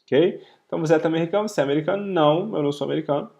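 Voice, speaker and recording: A man with a Brazilian Portuguese accent teaching a live online French lesson, explaining step by step with frequent "ok?" checks and slowing down to pronounce the French words. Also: fairly high pitch, gravelly, darkish tone.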